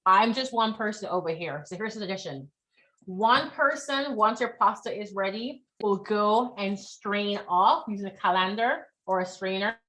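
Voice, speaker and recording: A woman's voice: medium pitch, moderate pace, sharp tone, low-quality recording. A woman leading a live online cooking class, chatty and encouraging, often checking in with her students.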